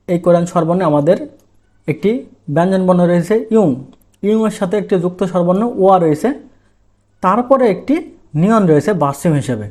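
High-voiced man teaching a language lesson. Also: darkish tone. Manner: asks and answers his own questions. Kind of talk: explaining lesson.

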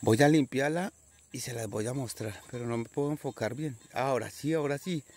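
A man's voice: medium pitch, a little fast, a little mellow, dry recording. A man narrating a casual outdoor metal detecting vlog, chatty and constantly addressing his viewers as friends. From Colombia. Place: outdoors in nature.

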